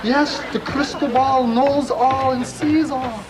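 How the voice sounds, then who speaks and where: A man's voice: extremely high pitch, fairly even intonation, slow, over a noisy crowd, very noisy. An actor playing a woman fortune teller with a crystal ball in a 1980s children's TV show, speaking with a grand, knowing air.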